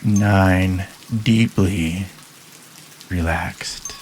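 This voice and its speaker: Faint rain falls in the background as a very deep-voiced man leads a guided hypnosis induction. He speaks soft, calm and unhurried, leaving long pauses between phrases, and there is slight background noise.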